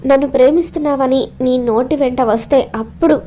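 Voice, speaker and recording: A woman's voice: sits high, brisk, mellow, a little hiss or hum, lightly acted. A woman voicing an insistent young man pressing for an answer of love. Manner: pleading, insistent.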